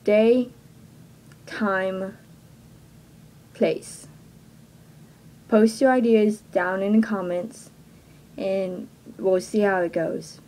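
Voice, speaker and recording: A woman's voice: mid-range voice, fairly even intonation, extremely slow, pauses often, mellow, poor audio. A young woman with a Texan accent making a casual announcement to her viewers, hesitant and self-conscious, filling her talk with "like," recorded on a webcam in a small bedroom. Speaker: vlogger. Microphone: webcam at close range.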